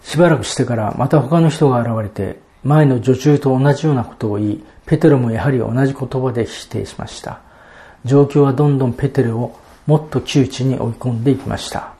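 A pastor reads Bible passages aloud and explains them in a measured, expository sermon. His voice is mellow and sits in the mid range.

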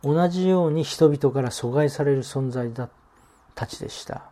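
A man gives a sermon in a mellow, warm voice. His preaching is earnest and measured, and he leans on important phrases by slowing down. His pitch sits in an ordinary middle range for a man. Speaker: pastor.

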